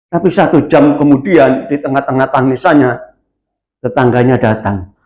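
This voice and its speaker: A man preaching a sermon in a church, telling a story and swinging from low, quiet lines to high, loud cries. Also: normal speed, muffled recording. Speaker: pastor. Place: church hall. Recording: echoey church hall.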